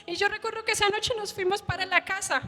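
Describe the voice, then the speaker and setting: High-voiced woman preaching, hall echo. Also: fairly even intonation, fast, pushed and bright. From Colombia. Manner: heartfelt, tearful storytelling. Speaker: preacher giving testimony. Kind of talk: emotional sermon testimony. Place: church hall. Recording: long church hall reverb.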